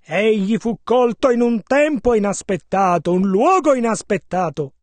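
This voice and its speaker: A man voices a translation of a sermon, rendering each passage in steady, measured phrases. His voice is very high. The recording is dry and close, with no room sound. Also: dry recording. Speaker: sermon interpreter.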